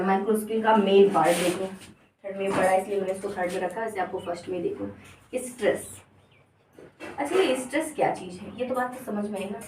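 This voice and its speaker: A woman's voice: mid-range voice, a little mellow, slight background noise. Lady teacher going over a lesson, keeps asking if u got it, echoey room, a bit far from mic. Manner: explains slowly, repeating words and checking understanding with "theek hai". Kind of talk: exam-prep lesson in mixed Hindi and English.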